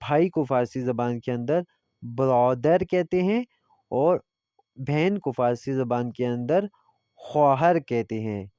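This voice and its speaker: A man's voice: medium pitch, warm tone, no echo. Man teaching Persian, muffled recording. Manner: reads Persian phrases slowly, then explains them in Urdu. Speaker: language teacher. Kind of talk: classroom lesson explanation.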